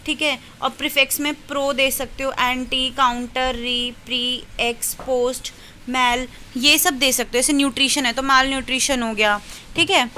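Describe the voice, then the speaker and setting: A woman tutor with an Indian accent giving an exam-prep lecture. She explains step by step, reads questions aloud slowly and often checks in with "ठीक है". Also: high voice, fairly even intonation, bright, forceful tone, a little hiss or hum, rough recording. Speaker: teacher-training tutor.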